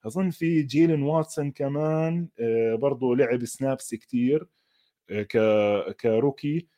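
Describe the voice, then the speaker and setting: A man's voice: medium pitch, normal speed, warm tone. A man with a Levantine Arabic accent giving casual, unscripted sports analysis, mixing English terms into his Arabic. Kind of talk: casual unscripted football commentary.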